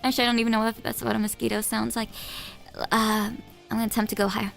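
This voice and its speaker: A woman's voice: on the high side, flat delivery, rapid-fire, vocal fry, over music. A woman hosting a live stream, chatting casually with viewers in a giggly, rambling, self-teasing way.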